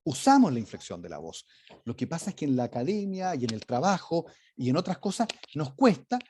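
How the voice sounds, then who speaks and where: A man's voice: a little high, big pitch swings, a little fast, darkish tone, breathy edge. A man teaching a leadership class online, talking emphatically and varying his intonation. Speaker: leadership course instructor. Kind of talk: online lecture.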